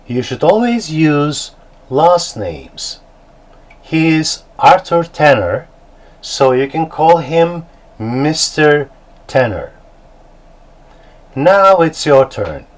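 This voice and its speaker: A man with a Turkish accent teaching beginner English, slow and deliberate, spelling words out letter by letter. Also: fairly high pitch, big pitch swings, low-quality recording.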